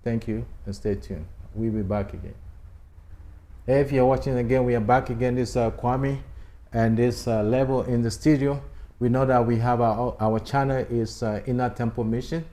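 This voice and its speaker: Male studio talk host, mellow dark voice, emphatic and repetitive, sermon-like urging. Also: mid-range voice, steady tone, moderate pace. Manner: emphatic, repeats key phrases, urges viewers to subscribe. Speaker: channel host. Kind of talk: conversational spiritual talk show.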